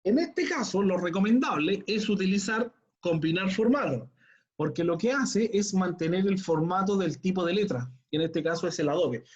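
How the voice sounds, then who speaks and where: A man's voice: sits high, lively intonation, moderate pace. A man, a teacher giving an online class tutorial and explaining each step patiently while checking in with his students. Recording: dull lo-fi computer audio.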